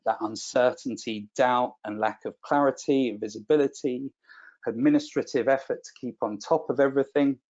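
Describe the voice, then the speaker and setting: A man hosts an online product webinar with a chatty, self-deprecating delivery, and he often doubles back on his words. His voice sits at an ordinary middle pitch. The audio comes through slightly dull and lo-fi. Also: fairly even intonation, normal speed, darkish tone. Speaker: webinar presenter.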